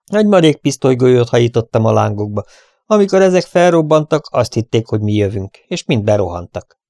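A man voicing a bold young male cowboy hero who gives urgent, shouted commands. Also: medium pitch, sing-song, no room sound, studio quality. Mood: pleased.

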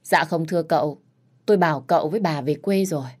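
A fretful older housekeeper in a spoken storybook, her low voice hurrying to keep trouble away, put on by a woman narrator. She talks fast and placating, not quite calm. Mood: flustered. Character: anxious older female housekeeper, quick to placate.

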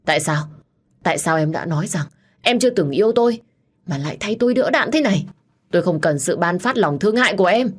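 A woman's voice: lowish voice, expressive, normal speed. A woman voicing an anguished young male gang boss who pleads and speaks bitterly, as an audiobook character.

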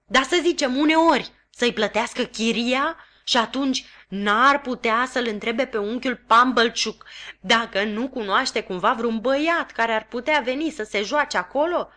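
A woman voicing a sharp-tongued, scolding village housewife who snaps and shouts her lines. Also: fairly high pitch, very animated, heavily acted. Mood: reproachful.

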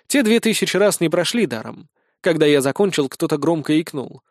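Man reading a funny audiobook, deadpan and wry, slightly high voice, bone-dry sound. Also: brisk, no echo. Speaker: audiobook narrator. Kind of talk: humorous first-person audiobook narration.

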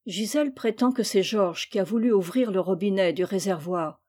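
A woman reading aloud and voicing a stern, upright nobleman father in a storybook, speaking firmly and in a measured way. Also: medium pitch, mellow, close to an everyday voice.

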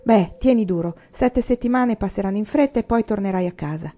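A woman's voice: medium pitch, fairly quick, dark tone, lightly acted. A woman reading as a teasing pioneer father.

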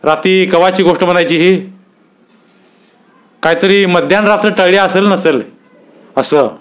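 Stern village headman, voiced by a man, middle-aged, commanding, curt orders, raised pitch, clear tone, storybook reading. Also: moderate pace, close to an everyday voice. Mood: pondering. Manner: authoritative, issues curt orders.

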